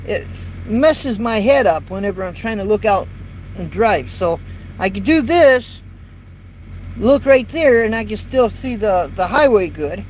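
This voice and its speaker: Chatting live to viewers from his parked truck cab, a man in his fifties who drives for a living rambles in a casual, folksy way and repeats words. His voice is light, high-pitched and expressive, with an unhurried pace. Faint road and traffic noise sits under a rough recording from a built-in phone or camera mic.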